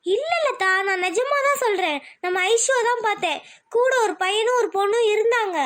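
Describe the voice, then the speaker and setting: A woman voicing a halting, gossiping neighbour. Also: extremely high pitch, fairly bright tone, dry recording, clean studio sound. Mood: hesitant. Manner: hesitant, halting, insistent.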